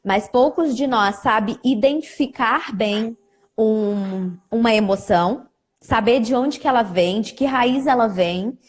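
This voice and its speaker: Husky woman psychologist. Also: a little high, unhurried. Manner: explains with acted examples of what clients say. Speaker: psychologist hosting a live stream. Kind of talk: explanatory conversation.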